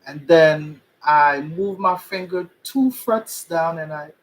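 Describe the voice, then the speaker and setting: A man's voice: fairly high pitch, slow, over loud music, rough recording. A Trinidadian man from Trinidad and Tobago, a musician explaining things in a rambling casual livestream, often checking in with listeners.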